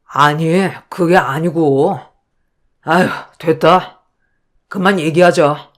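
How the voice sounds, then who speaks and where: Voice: mid-range voice, slow pace, lightly acted. Someone doing tired husband, placating, just wants it to stop. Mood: weary. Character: weary young husband caught in the middle.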